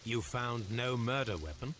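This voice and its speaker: An actor playing a calm, measured detective in a game. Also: male voice, mid-range voice, slight background noise. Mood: composed.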